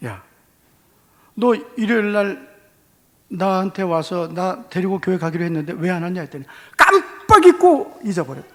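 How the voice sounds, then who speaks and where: A man with a Gyeongsang Korean accent preaching a testimony sermon, telling his story with lively acted-out dialogue. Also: high voice, moderate pace, long pauses. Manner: animated storytelling, acting out dialogue. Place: church hall. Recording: long church reverb.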